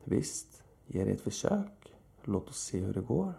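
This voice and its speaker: A man's voice: on the low side, creaky, warm tone. A man voicing a cruel, seductive supernatural woman who speaks in a cold, condescending, mocking way.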